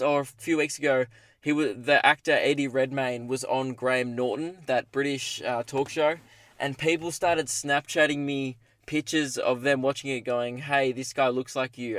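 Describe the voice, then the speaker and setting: A man's voice: mid-range voice, a bit bright, dry recording. Self-deprecating young Australian man, casual and rambling. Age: young adult. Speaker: solo podcast host. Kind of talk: casual rambling comedic podcast monologue. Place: inside a parked car.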